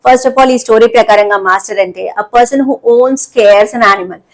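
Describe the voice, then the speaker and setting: A woman teaching an English lesson in Telugu, explaining words and repeating key terms slowly. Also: a little high, low-quality recording.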